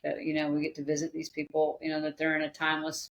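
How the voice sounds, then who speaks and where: A woman speaking as a podcast guest in a reflective conversation, often pausing and restarting as she searches for her words. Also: low-pitched, monotone, gravelly, a little hiss or hum, poor audio.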